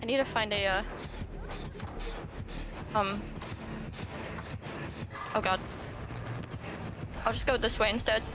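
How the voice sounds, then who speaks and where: A woman chatting casually while playing a video game with friends, playful and quick to exclaim and swear. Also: medium pitch, steady tone, noisy background. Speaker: video game player in a group stream. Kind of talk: casual gaming chat with friends.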